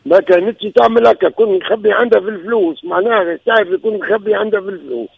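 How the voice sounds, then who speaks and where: A man's voice: high-pitched, racing, gravelly, slightly rough, dry recording, narrow, tinny audio. A man in his sixties with a Tunisian accent, calling in and telling of trouble in his marriage, emphatic and repeating himself. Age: 60s. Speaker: caller. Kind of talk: recounting a personal marital problem.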